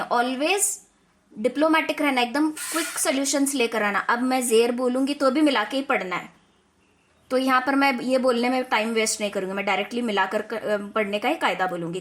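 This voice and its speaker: High-pitched woman teaching children online. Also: a bit bright, slight background noise. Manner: patient, explains step by step with repeated checks. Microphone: video call.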